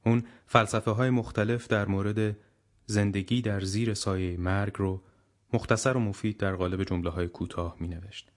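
Low-voiced man narrating an audiobook. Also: fairly even intonation.

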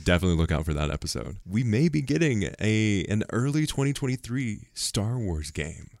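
Male podcast co-host, lower voice, dry and close, casual chatty delivery with quick acted-out quotes. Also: very animated, gravelly, a little mellow, dry recording. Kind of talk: casual chat.

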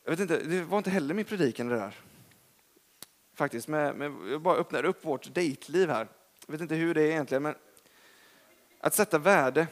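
High-voiced young Swedish preacher. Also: male voice, pauses often. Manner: chatty, self-deprecating storytelling with lively emphasis. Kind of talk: sermon.

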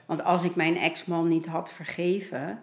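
Middle-aged woman chatting, earnest and lively, low-ish voice, roomy echo. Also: a little slow. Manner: earnest, animated storytelling. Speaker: guest. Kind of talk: casual conversation. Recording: echoey room.

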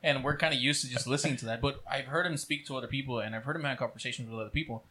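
A man's voice: mid-range voice, very fast, bright, forceful tone, slight background noise. A man co-hosting a casual podcast with friends, easygoing, and often asking follow-up questions. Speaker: podcast co-host. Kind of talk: casual chat among friends.

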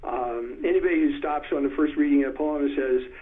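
A man with a fairly high voice explains poetry over a tinny phone line. He talks in a thoughtful, hesitant way, full of pauses and fillers. When he recites verse he slows down and stresses each beat. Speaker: poetry expert guest. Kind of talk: conversational interview.

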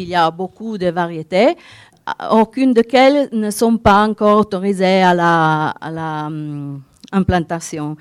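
A woman's voice: on the low side, clean tone, no room sound, clean studio sound. A woman with an Italian accent giving a conference presentation, searching for words in French that is not her native language. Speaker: winegrowers' association representative giving a talk.

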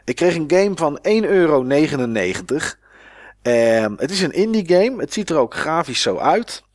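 A man's voice: fairly high pitch, big pitch swings, normal speed, no room sound, studio quality. A man co-hosting a podcast in casual chat about games, rambling with many fillers and restarts. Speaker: podcast co-host.

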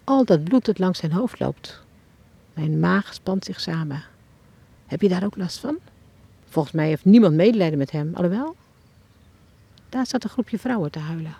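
A woman's voice: lowish voice, animated, moderate pace, dark tone, husky. A woman who writes children's books tells a devotional story as if she is watching it happen, and keeps turning to the listener with questions. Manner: addresses the listener directly with questions, as if standing at the scene. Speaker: children's book author.

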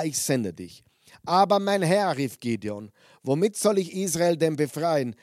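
A man preaching a sermon, reading Bible passages aloud with lively emphasis and stopping to explain them to his listeners. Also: a little high, no room sound, clean studio sound.

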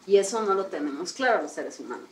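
A woman hosting an interview, asking questions and offering calm, reflective remarks. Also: lowish voice, quick pace. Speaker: host. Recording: echoey room, distant mic, faint background noise.

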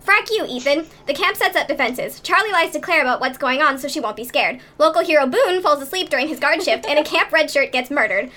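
A woman podcast co-host reading a quick episode recap with snarky, playful asides. Her voice is sped up so it sounds like a chipmunk. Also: high voice, animated, bright, forceful tone.

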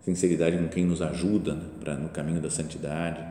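A man's voice: very deep voice, level tone, fairly quick, dark tone, a little hiss or hum. A man preaching a spiritual meditation in a conversational way, with many rhetorical questions and short asides. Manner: acts out imagined voices in quotes. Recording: echoey hall with faint ambience.

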